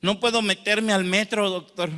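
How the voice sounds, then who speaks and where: A man's voice: sits high, fairly even intonation, moderate pace, sharp tone, big-room sound, voice pushed up. A man with a Mexican accent voicing a panicky claustrophobic person begging to be let out. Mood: panicked pleading. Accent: Mexican Spanish. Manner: pleading, breathless, rising into cries.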